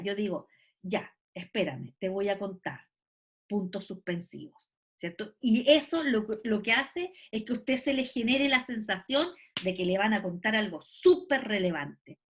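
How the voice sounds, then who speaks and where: A woman, voice sitting a bit high, lectures a class over a video call. She explains step by step and keeps checking that her students follow along. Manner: explanatory, checks understanding with "¿cierto?" and "¿ya?". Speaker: teacher.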